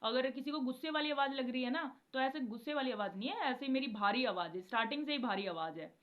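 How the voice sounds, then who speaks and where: A woman's voice: high-pitched, quick pace, narrow, tinny audio. A young woman giving a casual devotional talk to her viewers from a room, chatty and earnest, with lots of filler tags and English words mixed into her speech. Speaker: devotional vlogger. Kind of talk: casual spiritual talk to camera. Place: indoor room.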